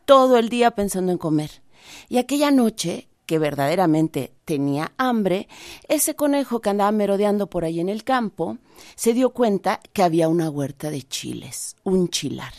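A woman with a Mexican accent telling a folk tale in a lively, expressive way with dramatic pauses. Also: mid-range voice. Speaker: storyteller.

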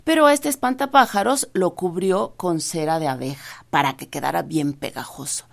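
A woman with a Mexican accent telling a folk tale in a lively, expressive way with dramatic pauses. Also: on the low side, vocal fry. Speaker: storyteller.

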